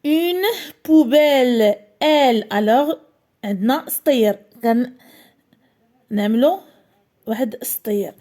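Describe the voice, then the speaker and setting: A woman with a Moroccan accent teaching a primary school French lesson, repeating words slowly and carefully to drill syllables. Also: fairly high pitch, lively intonation, warm tone.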